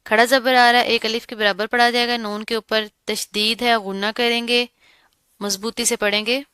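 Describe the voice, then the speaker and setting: A woman teaching a Quran recitation lesson, explaining each rule step by step and repeating words slowly. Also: fairly high pitch, bright, forceful tone, clear, resonant tone, dry recording, studio quality. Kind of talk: tajweed lesson.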